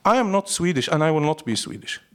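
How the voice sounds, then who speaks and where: A sing-song, fairly high voice moves at a quick pace. The speaker is a Syrian man, a native Arabic speaker with a Syrian Arabic accent, responding as a poet in a live interview through reflective stories and short, emphatic statements.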